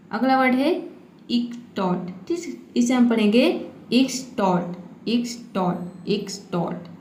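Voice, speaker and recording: A patient woman teaches English vocabulary, spelling out words and repeating them slowly. After each point she adds a steady "ठीक है" (okay), and she says it often. Her voice sits on the high side, and the recording is reverberant.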